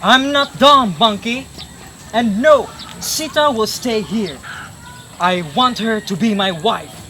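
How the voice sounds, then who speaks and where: A man's voice: high voice, a little slow, fairly bright tone, slight background noise. A man voicing a proud, commanding demon king in an amateur short film. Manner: boastful, commanding.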